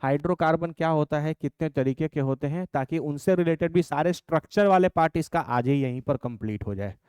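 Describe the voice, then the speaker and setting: Male teacher, crisp voice with a raised pitch, explains and dictates notes patiently. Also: darkish tone, no echo. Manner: dictates definitions slowly, calls students "babu". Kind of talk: classroom chemistry lesson.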